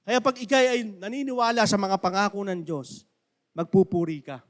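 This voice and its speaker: High-voiced man preaching a sermon. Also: moderate pace. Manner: animated storytelling with rising shouts. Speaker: pastor.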